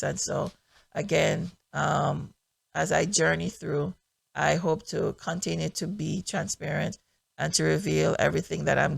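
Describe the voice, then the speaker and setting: Gravelly-voiced woman sharing testimony. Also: low-pitched, no room sound. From Jamaica. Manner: earnest, reflective, many filler pauses. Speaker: podcast host and minister. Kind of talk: personal testimony podcast.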